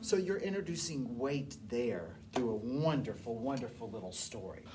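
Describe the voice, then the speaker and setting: A woman teaching a movement class, telling a story in an expressive, animated way. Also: extremely low pitch, normal speed. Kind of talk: storytelling music lesson. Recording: distant mic, loud piano behind.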